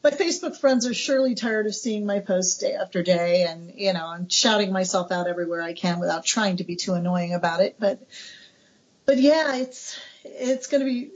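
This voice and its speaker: An American woman in her forties, an author chatting warmly and eagerly in an interview, laughing often, on a dull lo-fi recording. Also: medium pitch, fairly quick. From United States. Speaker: author guest. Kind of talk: casual interview chat.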